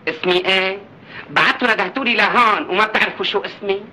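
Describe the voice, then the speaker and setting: An actor playing a middle-aged, aggrieved landlord with a Levantine accent, scolding and rambling indignantly in an old film comedy. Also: male voice, high-pitched, quick pace, sharp tone. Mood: blustering. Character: blustering, stout, aggrieved landlord, comically long-winded. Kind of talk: 1940s film comedy acting. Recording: noisy old film soundtrack.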